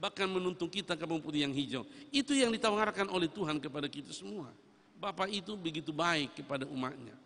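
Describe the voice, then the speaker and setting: A man preaching a sermon as pastor, emphatic and repetitive, with loud rising refrains. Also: a little high, animated, fairly quick, creaky. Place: church sanctuary. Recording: reverberant church hall.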